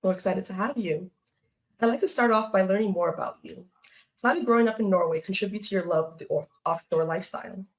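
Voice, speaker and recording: Quick-talking lady host, reads a smooth scripted intro then asks her guest questions. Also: medium pitch, rough recording.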